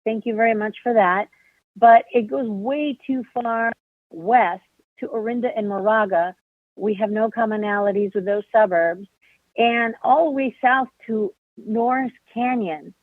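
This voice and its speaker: A woman's voice: a little high, unhurried, dry recording. A woman from California calling in during public comment, wry and playful. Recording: tinny dry phone line.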